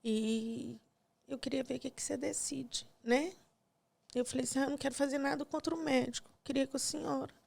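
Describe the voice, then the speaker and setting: A woman's voice: high voice, fairly even intonation, a little fast, gravelly. A woman, a podcast guest, tearfully telling a painful personal story and acting out each exchange in quoted dialogue. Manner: retells scenes with quoted dialogue, voice breaking softly.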